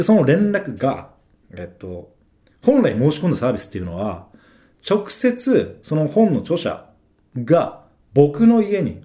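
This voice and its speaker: Man, casual storytelling monologue, trader recounting his past, lively rising and falling intonation, mellow dark tone, chatty affirming fillers. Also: medium pitch. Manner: frequent self-affirming "un" fillers, conversational.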